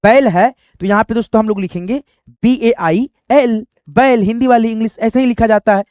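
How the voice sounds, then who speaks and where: A man's voice: high voice, fast, darkish tone, no echo, studio quality. A man teaching a spoken lesson, patiently spelling out letters one by one.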